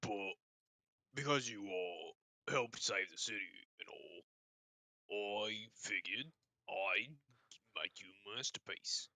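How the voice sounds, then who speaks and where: A man voicing a nervous, stuttering male orc blacksmith in a tabletop game, hesitant and halting. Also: lowish voice, bright, forceful tone, no echo, voice pushed down, exaggerated voice. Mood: timid. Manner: stammering, hesitant.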